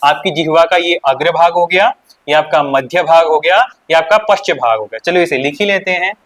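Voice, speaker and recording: A male teacher runs an exam-prep grammar lesson, posing questions, supplying the answers, and going back over the main points. His Uttarakhand Hindi-accented voice is fairly high and a bit bright, at a moderate pace.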